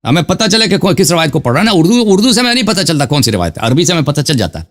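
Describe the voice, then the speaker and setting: An insistent male host pressing a caller in a live call-in debate. His voice sits high and swings widely in pitch. He repeats his demands again and again and calls out the other side. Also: very animated, a bit bright.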